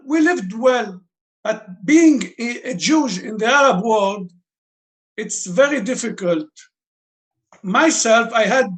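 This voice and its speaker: Slow halting man, high voice. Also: fairly bright tone. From Lebanon. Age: 50s. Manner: halting, searching for words, broken grammar. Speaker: guest. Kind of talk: interview answers.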